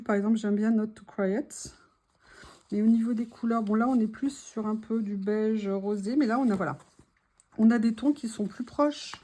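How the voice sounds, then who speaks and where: A woman's voice: on the high side, mellow. A woman narrating her journal crafting casually, chatty and hesitant as she describes each step. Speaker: journaling vlogger.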